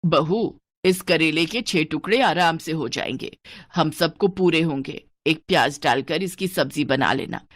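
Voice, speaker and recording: Stingy bossy mother-in-law, voiced by a woman, low and dry, for a village skit. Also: a little slow, no room sound. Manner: scolding, bossy, penny-pinching. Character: stingy cunning middle-aged mother-in-law. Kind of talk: dubbed village skit dialogue.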